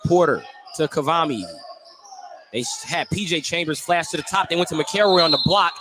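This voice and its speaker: In a noisy live broadcast from an indoor gym, a male play-by-play commentator calls a basketball game on radio with a clipped running account. His voice sits on the high side and he talks at normal speed.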